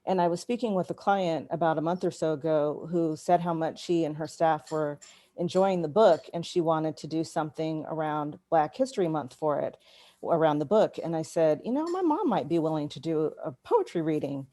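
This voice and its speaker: A woman's voice: deep voice, moderate pace, dark tone. A woman hosting an online poetry reading, opening it with conversational remarks over a video call. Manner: conversational, storytelling. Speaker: event organizer and host.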